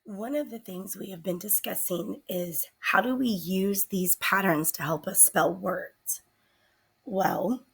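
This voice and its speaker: A woman teacher talks through a spelling lesson at an unhurried, careful pace. Her voice has a gravelly edge and a slightly husky tone. She sounds out words deliberately for her students. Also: medium pitch.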